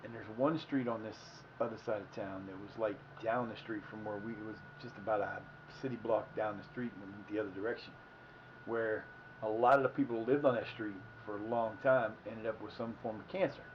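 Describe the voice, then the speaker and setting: A livestream host in his fifties from Ohio, in the United States, tells casual stories in a folksy, meandering way, correcting himself as he rambles. His lowish voice runs fairly quickly with fairly even intonation, and the sound is lo-fi with slight background noise.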